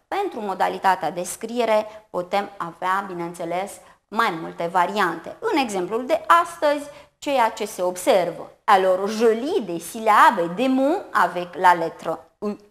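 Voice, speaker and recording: Slow, careful woman teaching French. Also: mid-range voice, expressive. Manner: slow, careful enunciation of syllables and words; repeats each phrase in two languages. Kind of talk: bilingual TV lesson, French with Romanian translation.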